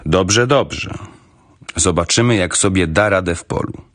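Guy reading a cool calm detective, low and slow, husky. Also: exaggerated voice. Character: calm, self-assured male detective.

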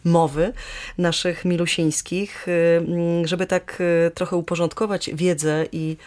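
A woman hosting a radio interview, speaking in a measured way with frequent hesitations. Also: fairly low pitch, flat delivery, a little mellow. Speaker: radio host.

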